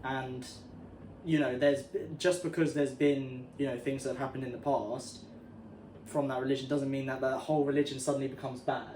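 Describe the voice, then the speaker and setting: A young man co-hosts a relaxed podcast chat, working through his opinions slowly and hedging as he goes. His voice sits at an ordinary middle pitch. The room sounds echoey, with a faint background noise. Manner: thoughtful, hedging with "like" and "you know". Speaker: podcast co-host. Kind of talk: casual chat.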